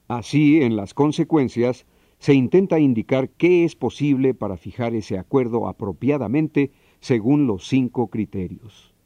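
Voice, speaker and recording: A man giving a dubbed seminar lecture. He explains in a measured way and speaks straight to his audience. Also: mid-range voice, mellow, no echo.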